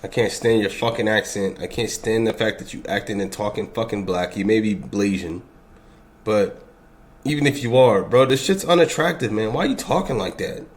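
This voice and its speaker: A man reacting to clips with blunt, profane commentary, his voice rising into loud outbursts. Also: lowish voice, moderate pace.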